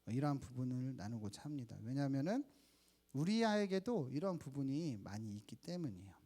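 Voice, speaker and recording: A man's voice: medium pitch, very animated, a little fast, mellow. A man in his thirties preaching a sermon at church, telling personal stories and asking the congregation questions. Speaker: pastor. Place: church sanctuary.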